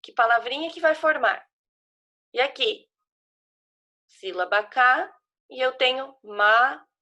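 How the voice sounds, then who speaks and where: A woman's voice: high voice, lively intonation, slow, sharp tone, dull audio. A woman teacher with a Brazilian Portuguese accent, patiently walking young children through a worksheet and spelling out syllables. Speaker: primary school teacher. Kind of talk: remote class explaining a worksheet to children.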